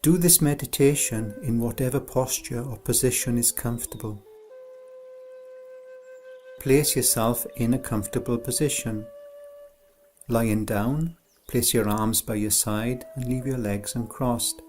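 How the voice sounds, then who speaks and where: Soft music accompanies a man who guides a scripted meditation session. He's the instructor, speaking at medium pitch in a gentle, soothing, slow manner.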